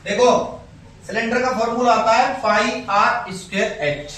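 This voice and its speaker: A man's voice: very high voice, fairly even intonation, fairly bright tone. Male maths teacher, patient step-by-step explainer; distant, echoey recording with faint hiss. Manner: explains step by step, repeats key terms, reads English question slowly. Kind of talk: maths lesson for school students. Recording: very echoey room, far from mic, faint hiss.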